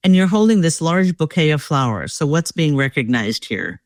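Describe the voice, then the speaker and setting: An executive coach hosts an interview in a medium-pitched, sing-song voice, guiding the guest with questions, reading captions aloud, and pausing to check pronunciation. The sound is studio quality with no echo.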